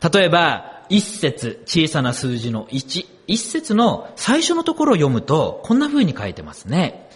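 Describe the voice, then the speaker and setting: A man's voice: a little high, wildly swooping pitch, a little slow, slightly rough. A man preaching a sermon as pastor, telling the story expressively and asking the congregation questions.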